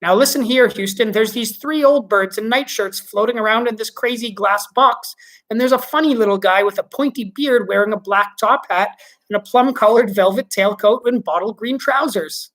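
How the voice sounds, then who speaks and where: A man voicing a brash, excited astronaut. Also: high-pitched, normal speed, voice pushed up, poor audio. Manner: raised, emphatic, rambling.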